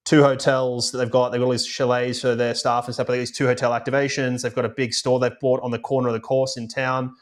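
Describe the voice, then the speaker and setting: Fast-talking man, rambling podcast chat. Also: medium pitch, flat delivery. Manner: rambling storyteller, many fillers. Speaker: podcast co-host and producer. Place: remote, recording away from home.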